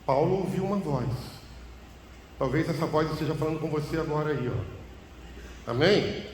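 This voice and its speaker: A man's voice: moderate pace, darkish tone. A man preaching a sermon and telling a personal testimony, emphatic, swinging his voice up and down. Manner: emphatic, swings pitch and volume widely for effect. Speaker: pastor. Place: church hall. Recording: echoey reverberant church hall, faint hum.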